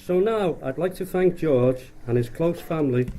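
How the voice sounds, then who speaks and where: A man's voice: on the high side, normal speed, noisy background. A middle-aged man giving a rambling, jokey wedding speech as father of the bride, often repeating and restarting his phrases.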